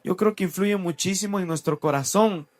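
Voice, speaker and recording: A man, co-hosting a church podcast and telling a personal testimony in a casual, animated way. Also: high-pitched, fairly quick. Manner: animated, acts out quoted voices.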